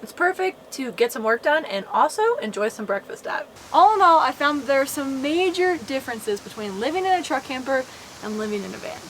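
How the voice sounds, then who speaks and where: Casting: female vlogger, high voice, chatty tour narration inside a small camper van, clear background noise. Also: big pitch swings, a little fast, fairly bright tone, poor audio. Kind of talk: casual walkthrough narration to camera.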